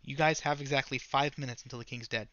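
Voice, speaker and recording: A man running a tabletop game as game master, making brisk rulings on the fly. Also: medium pitch, steady tone, sharp tone, dry recording. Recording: dry, slightly dull mic.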